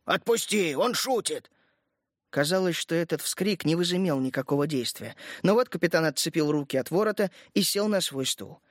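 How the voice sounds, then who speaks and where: A man narrating an audiobook in an even, steady storytelling manner. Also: a little high, brisk, few pauses, no room sound, studio quality. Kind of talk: scripted narration.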